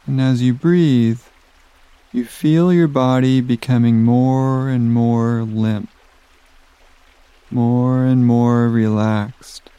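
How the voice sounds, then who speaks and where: Slow, soothing man guiding sleep. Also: medium pitch, steady tone, clean tone, no room sound, dull audio. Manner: slow, soft and soothing with long pauses. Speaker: meditation guide. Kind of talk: guided sleep meditation.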